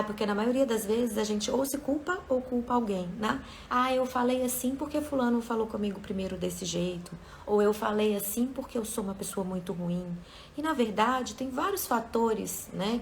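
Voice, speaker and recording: A woman's voice: medium pitch, creaky, a little hiss or hum. A woman giving a motivational self-help talk as a coach, speaking conversationally and often checking in with her listeners.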